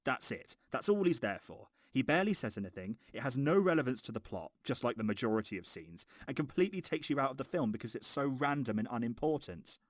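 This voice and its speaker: A man's voice: medium pitch, very animated, quick pace, hardly any pauses, no room sound. A man narrating a scripted film review in a mocking, exasperated, sweary way.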